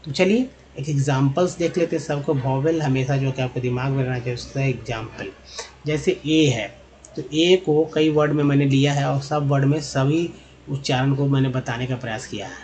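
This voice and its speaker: A man gives a spoken English lesson in Hindi at a middle pitch. He says each example word several times, checks in with viewers and calls them friends. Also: darkish tone. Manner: repeats example words slowly, often adds "है ना". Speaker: English teacher.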